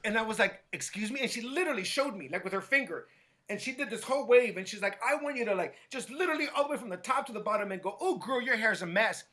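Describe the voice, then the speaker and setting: A man, a hairstylist guest, telling a story in an animated way and acting out what others said. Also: high-pitched, quick pace. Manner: acts out quotes with lively voices, many restarts.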